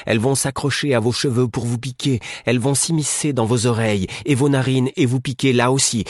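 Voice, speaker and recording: A man's voice: medium pitch, slightly rough, dry recording, clean studio sound, voice pushed up, lightly acted. A man reading an audiobook voices a fierce mother threatening her enemies, menacing and at times coaxing. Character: fierce mother beekeeper woman, defiant and threatening. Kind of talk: audiobook character voice.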